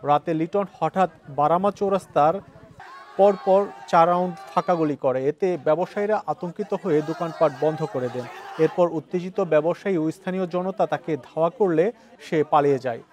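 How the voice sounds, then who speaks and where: A man's voice: a little high, normal speed, darkish tone. A man with a Bangladeshi accent narrating a scripted news report as a reporter.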